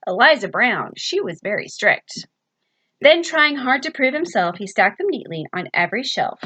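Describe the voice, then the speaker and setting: A woman librarian reading a picture book aloud to children, with expressive sing-song storytelling and questions to her young listeners. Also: fairly high pitch, moderate pace, slight background noise, rough recording.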